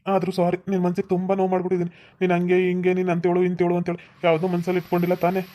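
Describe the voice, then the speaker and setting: A tender young husband in a cartoon, gentle and coaxing as he declares his love, voiced by a man. He speaks quickly in a flat, even tone with a North Karnataka Kannada accent. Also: sits high, lightly acted. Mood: loving. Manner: soft, affectionate, coaxing. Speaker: husband character. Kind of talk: cartoon voice acting.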